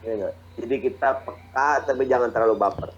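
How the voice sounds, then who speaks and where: A man's voice: medium pitch, fairly quick, highs cut off. A man giving a casual online religious talk, joking and often asking his listeners "ya nggak?". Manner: jokey, chatty, often asks "ya nggak?"; acts out quoted dialogue. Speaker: Islamic preacher.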